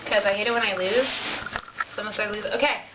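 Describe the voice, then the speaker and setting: A woman's voice: mid-range voice, fast. A young woman chatting casually and playfully to camera, giggly as she banters with a friend during a contest. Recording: noisy amateur home recording with clicks.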